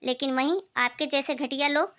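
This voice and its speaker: A patient young daughter-in-law who speaks with polite firmness, voiced by a woman. Her voice is high and bright, and it is recorded close and dry. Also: steady tone, normal speed, dry recording. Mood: indignant. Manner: polite, firm.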